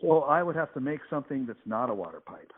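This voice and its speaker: A man's voice: medium pitch, sing-song, fast, breathy edge. A man talking on a phone call, laid-back and hesitant, with a patchy, cutting-out line. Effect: heard over a phone line. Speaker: artist taking a phone call.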